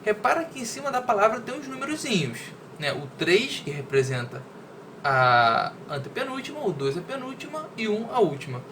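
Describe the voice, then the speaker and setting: A man's voice: sits high, sing-song, moderate pace, bright, forceful tone, slight background noise. Man teaching a grammar lesson. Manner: conversational, checks understanding with "né?" and "entendeu?". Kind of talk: reading a poem, then explaining a grammar lesson.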